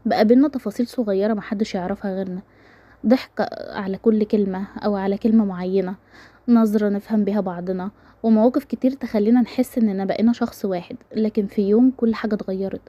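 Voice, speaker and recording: A woman with an Egyptian accent reading a romance story aloud in a brisk, steady first-person narration. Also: medium pitch, no echo, dull audio. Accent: Egyptian Arabic.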